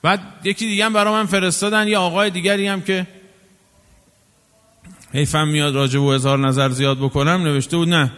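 A man's voice: on the high side, steady tone, pauses often, fairly bright tone, clear, resonant tone. A man delivering an impassioned sermon, scolding and full of rhetorical questions. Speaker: preacher. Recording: long hall reverb.

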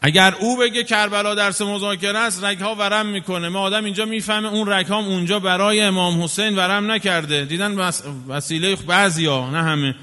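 A man's voice: high-pitched, steady tone, hardly any pauses, pushed and bright. A man delivering an impassioned sermon, scolding and full of rhetorical questions. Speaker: preacher. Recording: long hall reverb.

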